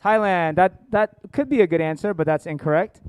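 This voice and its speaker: Born in South Korea and raised in Atlanta, this American-accented man hosts a seminar informally, joking and engaging his audience. His voice is high, fairly quick, a little mellow and smooth, with no room sound. He's a company founder and educator presenting indoors to families and online viewers.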